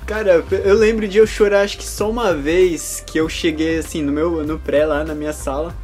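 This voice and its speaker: A man in casual chat, relaxed, chuckling as he tells a school memory. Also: a little high, moderate pace, soft background music.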